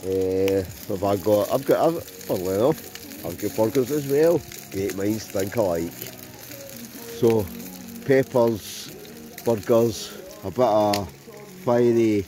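A Scottish vlogger chats cheerily to viewers while cooking over a campfire outdoors at night in a casual camping vlog. His voice is fairly low and dark, and he takes it slowly. The audio is poor, with music playing and food sizzling behind him.

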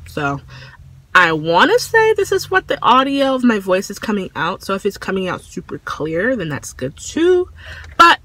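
A young woman chatting casually to her phone camera as a vlogger, telling stories with lively animation, from inside her car and while out shopping. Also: medium pitch, moderate pace. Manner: chatty, animated storytelling with laughs. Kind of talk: casual vlog chat. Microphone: phone camera held close. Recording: noisy phone recording.

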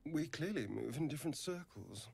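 An actor playing a sly, arrogant male elf rogue in a video game, with a husky, mocking drawl. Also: fairly high pitch, lively intonation, moderate pace, darkish tone, full character voice. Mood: smug. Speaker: game companion.

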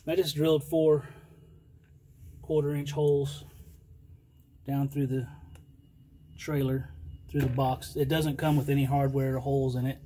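Outdoors in a yard beside a trailer, a middle-aged channel host reviews a trailer tool box for a casual product review vlog. His medium-pitched voice is flat and even, and his talk is plain, unhurried and folksy with fillers. A faint hiss sits in the background.

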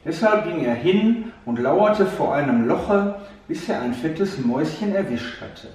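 A man gently telling a fairy tale to a child, speaking to the listener directly, heard from a distant mic in an echoey room. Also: a little high, lively intonation, measured pace. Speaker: storyteller.

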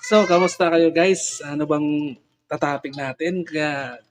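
A man vlogging casually and chattily, trying out a new condenser mic and sound card. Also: a little high. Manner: chatty, giggly, trying out gear. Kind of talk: casual vlog chat. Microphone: condenser microphone.

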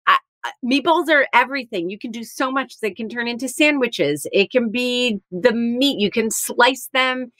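A woman's voice: fairly high pitch, normal speed, fairly bright tone, dry recording, clean studio sound. A woman co-hosting a podcast in casual chat, enthusiastic and talkative, often laughing. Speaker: podcast co-host.

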